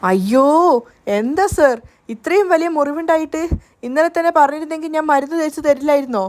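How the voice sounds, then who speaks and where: A woman's voice: high-pitched, brisk, a little mellow, natural voice. A woman voicing an anxious, tender young woman who pleads and frets in a storybook recap. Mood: worried. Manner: pleading, worried.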